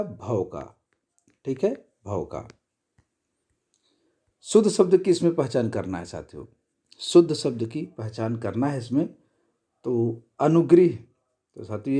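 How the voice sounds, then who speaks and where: A man's voice: mid-range voice, dark tone. A man teaching Hindi grammar for an exam, going through test answers one by one and repeating each correct word. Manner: explanatory, repeats answers and says "ठीक है" often. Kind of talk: exam prep lesson.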